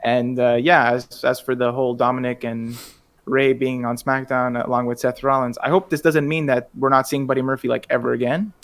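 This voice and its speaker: A man's voice: medium pitch, flat delivery, a little fast, a bit bright. A man co-hosting a wrestling podcast, chiming in with quips and opinionated gripes in a casual chat. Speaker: podcast co-host.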